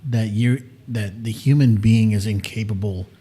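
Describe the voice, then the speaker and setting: A man in his late thirties hosting a casual podcast, animated and swearing freely as he acts out his own quotes. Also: on the low side, normal speed. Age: late 30s. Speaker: podcast host. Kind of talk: casual chat.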